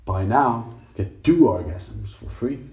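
A man's voice: on the low side, expressive, slow pace, dark tone. A man hosting a casual, crude comedy podcast in an irreverent, tongue-in-cheek manner, recorded in an echoing bathroom. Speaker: podcast host. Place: bathtub in a small bathroom.

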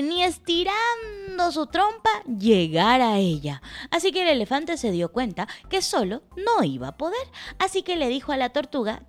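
A woman telling a children's story expressively, asking her young listeners questions along the way. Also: high voice. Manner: expressive, asks the audience questions.

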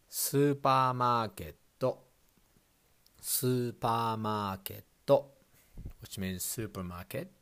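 A male language teacher, speaking in a lowish voice. He moves at an unhurried, very slow pace, saying each word over and over and filling pauses with "um" and "uh". The tone is a casual lesson, not a scripted one. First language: Japanese. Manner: slow, repeats each word several times, many fillers.

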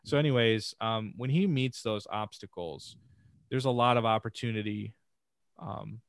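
A man's voice: on the low side, normal speed, vocal fry, dry recording. A man talking as a podcast guest, telling stories in an earnest, rambling way. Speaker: podcast guest, family streamer. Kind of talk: casual conversational interview.

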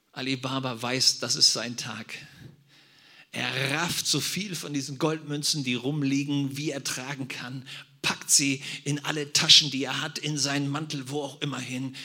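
Forceful husky preacher man. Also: fairly high pitch. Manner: direct, conversational preaching to the congregation. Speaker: pastor. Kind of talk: sermon.

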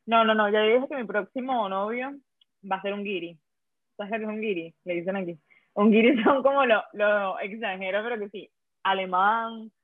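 A woman's voice: mid-range voice, moderate pace, no room sound. A Venezuelan woman co-hosting a casual chat, slangy and self-assured, laughing often. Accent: Venezuelan Spanish. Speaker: podcast co-host. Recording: tinny phone-like dry sound.

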